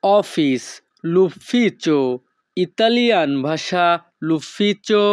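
A man teaching vocabulary in a slow, repetitive drill, saying each word and then its meaning. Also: sits high, animated, a little mellow, smooth, no echo. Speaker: language teacher.

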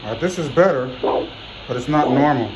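A man working as a foot doctor, calmly explaining exam findings to a patient in a clinic. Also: mid-range voice, moderate pace, background noise. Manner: calm, explains findings plainly. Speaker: podiatrist.

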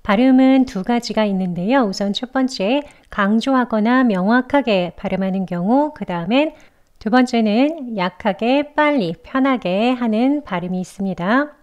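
A woman's voice: fairly high pitch, normal speed, a little mellow. Woman, pronunciation teacher, patient step-by-step explaining, slightly dull lo-fi recording. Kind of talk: instructional lesson narration.

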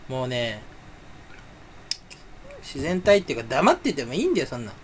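This YouTuber, a young man with a medium-pitched voice that swoops wildly, rambles alone to camera at a moderate pace while sucking on a candy. He mutters playfully and mocks himself, then breaks into sudden loud outbursts. There's a little hiss or hum.

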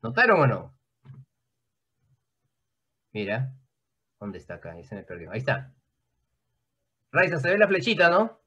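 A man's voice: mid-range voice, wildly swooping pitch, normal speed, pauses often, bright, forceful tone, slightly rough, lo-fi sound. A man teaching an online class, explaining at length in a conversational way and often checking in with his students.

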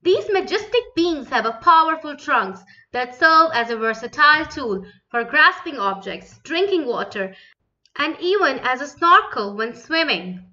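Bright, high-pitched woman narrating kids' nature documentary. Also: big pitch swings, measured pace, dull audio. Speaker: narrator of a children's educational animal video.

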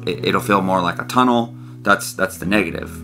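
A man's voice: sits low, a little fast. A man in his thirties talking casually to camera as a vlog co-host, explaining things from inside a small trailer. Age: 30s. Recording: soft guitar music behind the voice.

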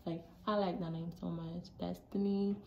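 A teenage girl from Jamaica chatting casually to her phone camera in a small bedroom, animated and full of asides. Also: on the low side, normal speed, gravelly, dull audio. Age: teens. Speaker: vlogger. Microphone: phone camera at arm's length. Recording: echoey room, faint background noise.

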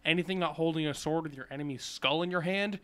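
A man with a slightly high voice chimes in on a casual podcast. He adds short, wry asides with a joking edge. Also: quick pace, a bit bright, clear, resonant tone.

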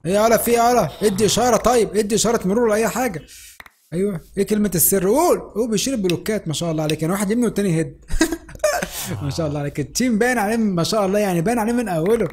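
A young man with an Egyptian Arabic accent giving joking, excitable commentary over a Minecraft match. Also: sits high, rapid-fire, a little hiss or hum. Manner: excitable, joking, teasing other players. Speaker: gaming YouTuber. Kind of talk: Minecraft let's play commentary.

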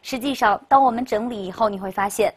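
A woman giving a classroom grammar lecture as a teacher, lively and full of questions to the class. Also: medium pitch, fast talker, breathy edge. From China. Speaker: English teacher.

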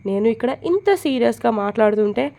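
A woman's voice: a little high, animated, quick pace, vocal fry, dark tone. Woman reading as a cocky teasing young man. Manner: bold, mock-serious, bragging.

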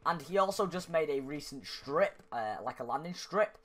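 Young man, gameplay commentary, chatty and excitable, slightly high-pitched, close desk mic. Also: normal speed. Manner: chatty, yelps and laughs at mishaps. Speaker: gaming YouTuber. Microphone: desk microphone spoken into closely.

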